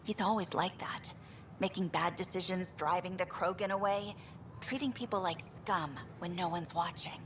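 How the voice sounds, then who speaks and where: A woman's voice: lowish voice, normal speed, background noise, lightly acted. A woman voicing a frustrated female engineer on a space station, venting in an earnest, exasperated way.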